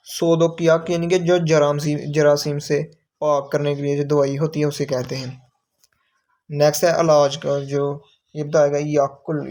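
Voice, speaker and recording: A man's voice: on the high side, darkish tone. A man teaching from a textbook, reading each word aloud and then explaining what it means. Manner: repeats words slowly, explains each term. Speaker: Korean language teacher.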